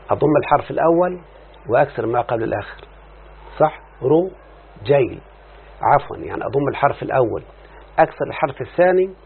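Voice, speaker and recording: A man's voice: mid-range voice, gravelly. Egyptian sheikh quizzing his class over a tinny line. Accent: Egyptian Arabic. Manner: quizzes students with repeated questions; reads quoted text slowly and deliberately. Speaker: Islamic scholar teaching grammar. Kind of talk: classroom lecture. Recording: lo-fi phone-like recording with faint hiss.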